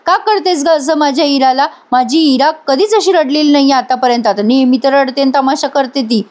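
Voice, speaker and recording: A woman's voice: high-pitched, a little fast, darkish tone, natural voice. A woman voicing a fiercely protective mother who scolds sharply. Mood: scolding.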